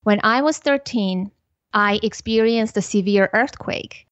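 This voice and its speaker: A woman, a guest on a podcast, speaking in an earnest, measured, thoughtful way. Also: medium pitch, fairly bright tone, dry recording. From Armenia. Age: 40s. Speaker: podcast guest, parenting educator. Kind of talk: reflective interview talk. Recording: slightly muffled dry recording.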